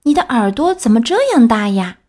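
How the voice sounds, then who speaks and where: A woman's voice: on the high side, very animated, brisk, a little mellow. A woman voicing a sweet, trusting little girl who asks eager, innocent questions. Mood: wondering.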